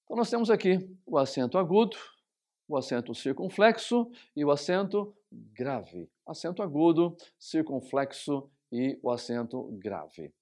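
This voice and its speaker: Patient pastor teaching Greek. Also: male voice, a little high, very animated, darkish tone. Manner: patient and explanatory, repeats terms, addresses listeners as brothers; slows and spells out Greek words syllable by syllable. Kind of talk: recorded Bible study lesson.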